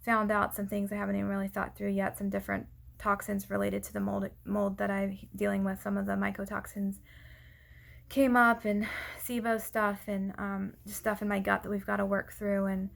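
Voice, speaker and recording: A woman speaking out of breath in a casual, unscripted personal update, haltingly and often losing her thread. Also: mid-range voice, flat delivery, creaky. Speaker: vlogger giving a personal update.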